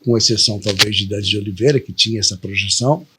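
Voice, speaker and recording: A man from Brazil hosting a TV interview, asking questions and signing off in a polite, measured way. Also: fairly low pitch, background noise. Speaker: TV interviewer, host.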